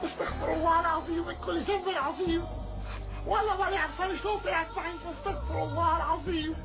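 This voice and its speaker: An actor playing a blustering husband from an old Damascus alley who is quick to back down, speaking with a Damascene Syrian accent. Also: male voice, very high-pitched, fairly even intonation. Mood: contrite. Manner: blustering, then pleading. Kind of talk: TV drama acting. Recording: TV drama audio with music underneath.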